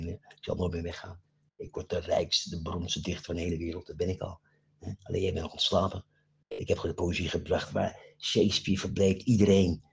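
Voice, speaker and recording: A man with a very low, gravelly voice that is rough and husky throughout. He rambles through a profane rant aimed at a friend, dropping to a mutter and then flaring up loud, and keeps pushing for agreement with a questioning "eh?". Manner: swings between low muttering and loud outbursts, keeps asking "hè?"; profane and rambling, jumps between topics.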